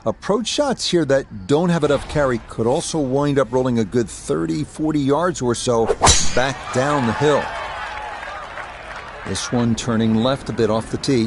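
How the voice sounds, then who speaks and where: A man performing as a lead golf commentator, giving measured, polished play-by-play for a video game broadcast. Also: medium pitch, background noise, close to an everyday voice. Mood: composed. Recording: music and crowd behind. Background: music and crowd.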